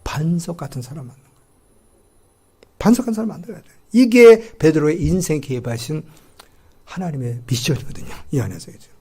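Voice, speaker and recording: A middle-aged male pastor preaching a lively sermon in a church sanctuary. His slightly high, gravelly voice swings widely in pitch. He keeps firing rhetorical questions at the congregation and acts out the lines he quotes. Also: a little fast, pauses often.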